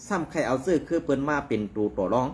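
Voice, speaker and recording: Male news commentator, conversational and rambling, pitch swinging widely, mid-range voice. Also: lively intonation, quick pace, a little mellow.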